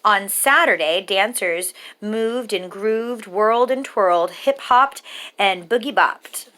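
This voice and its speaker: Reading a picture book to young children, this woman storyteller uses a medium-pitched voice. She keeps her delivery steady, rhythmic, and full of expression.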